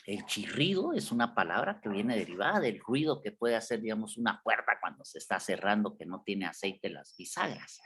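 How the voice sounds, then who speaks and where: Speaking at a normal speed with few pauses, a Guatemalan university lecturer gives a classroom lecture in a lowish, expressive, fairly bright voice. He uses examples and often checks in with students through repeated tag questions. There's slight background noise.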